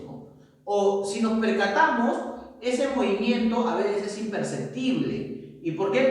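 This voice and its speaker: Male teacher, high voice, slow lecture pace, keeps asking "right?"; recorded from afar in a roomy, reverberant space. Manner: checks in with frequent tag questions. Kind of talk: classroom lecture. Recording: echoey room, far from mic.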